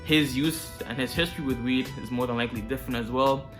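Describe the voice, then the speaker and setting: A man speaks directly to the viewer as host of a self-improvement series. His voice is bright and forward, and his delivery is informal and full of slang. Music plays softly behind him. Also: medium pitch, fairly even intonation, quick pace. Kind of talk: casual direct-to-viewer advice talk.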